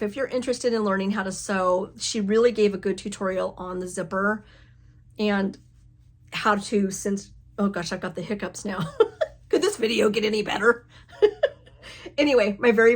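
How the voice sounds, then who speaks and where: A woman's voice: mid-range voice, fairly even intonation, normal speed. A middle-aged woman hosting a crafting vlog from her home craft room, telling a story in a chatty, self-mocking way and laughing often. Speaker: crafting channel host.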